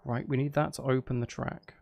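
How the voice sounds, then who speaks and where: Chatting casually on a live stream while he edits music, a man thinks aloud through his task, repeating phrases and questioning himself. His mid-range voice is gravelly and darkish with a level tone and a brisk pace, and there's a little hiss or hum.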